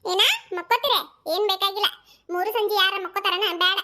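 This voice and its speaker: A woman's voice: very high voice, fairly even intonation, a little fast, sharp tone. A woman voicing a nagging elderly mother-in-law in a village cartoon, scolding in a North Karnataka accent. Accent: North Karnataka Kannada. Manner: scolding, bossy.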